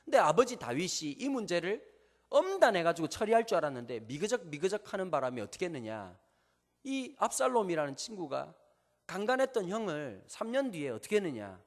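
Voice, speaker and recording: Animated Gyeongsang-accented pastor preaching. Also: male voice, high-pitched. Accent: Gyeongsang Korean. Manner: storytelling, asks the congregation rhetorical questions; normally talks very fast, slowing down on purpose. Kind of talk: sermon. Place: church sanctuary before a congregation. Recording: long church hall reverb.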